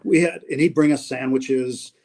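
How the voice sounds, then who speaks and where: At a moderate pace, the announcer talks in a medium-pitched, steady voice. He's a guest on a video call, casually recounting stories of colleagues with warm, anecdotal reminiscing and occasional restarts.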